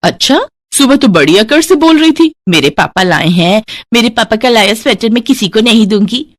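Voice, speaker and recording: A woman's voice: on the high side, expressive, moderate pace, pitched above the performer's own voice. Cruel, threatening stepmother for a cartoon story, voiced by a woman, harsh and mocking. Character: cruel, scolding stepmother in a village. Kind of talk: animated storybook voice acting.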